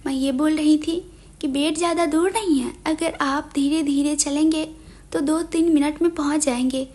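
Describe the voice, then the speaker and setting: A caring young woman with a soft, coaxing, soothing way of talking, read by a woman narrator. Her high voice fits a romance audio story. She comes across as patient and teasing. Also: steady tone, normal speed, lightly acted.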